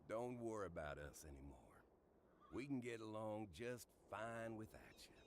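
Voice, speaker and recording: A man's voice: on the low side, moderate pace, slight background noise, natural voice. An actor playing a proud older small-town father in a video game, fatherly, folksy and encouraging, with an American Southern accent. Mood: earnest, encouraging. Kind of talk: dramatic video game voice acting. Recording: music under the voice.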